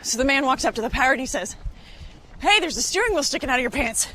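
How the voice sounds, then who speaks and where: Brief: a rambling, flustered woman friend, high and animated, stumbling over her words. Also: quick pace, a little hiss or hum. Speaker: friend of the lead. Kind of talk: film acting.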